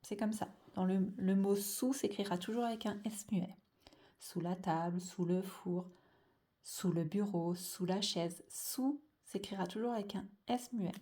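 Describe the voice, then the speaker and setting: A woman leads a dictation lesson for small children. She speaks very slowly and draws out every sound and syllable. Her voice is soft and mellow. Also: mid-range voice. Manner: slow, careful, drawn-out sounds and syllables. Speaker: teacher.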